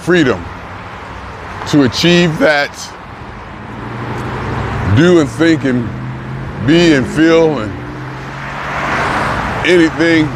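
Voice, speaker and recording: A man in his early sixties musing aloud in a reflective vlog, thinking in halting stretches with pauses and restarts while he walks outside. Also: a little high. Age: 60s. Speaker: vlogger. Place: outdoors on a city street, walking. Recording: outdoor traffic noise. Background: passing cars and street noise.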